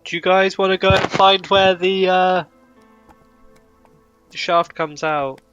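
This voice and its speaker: A man's voice: sits high, steady tone, slow pace, fairly bright tone, clear, resonant tone, no echo, dull audio, faint music behind. A man talking casually and bantering as a player in a tabletop role-playing game. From outside the United States.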